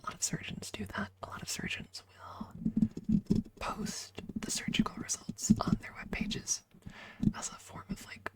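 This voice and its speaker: An ASMR livestreamer whispers breathily right up at the microphone. Soft and deliberate, she tells casual stories to her viewers.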